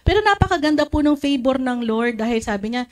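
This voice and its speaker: A woman preaching a sermon, telling stories in an animated way and acting out the voices she quotes. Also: high-pitched, fairly quick. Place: church.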